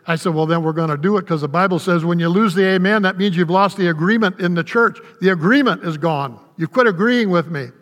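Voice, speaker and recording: An older man preaching a sermon as a pastor, folksy and conversational, with quick asides to the congregation. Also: sits high, a bit bright. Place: church sanctuary. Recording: long reverb of a church hall.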